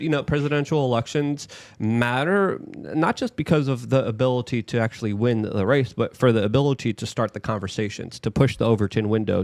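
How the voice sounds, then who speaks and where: A man's voice: mid-range voice, darkish tone, dry recording, studio quality. A man hosting a political livestream, talking emphatically and often repeating words as he builds his points. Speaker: show host.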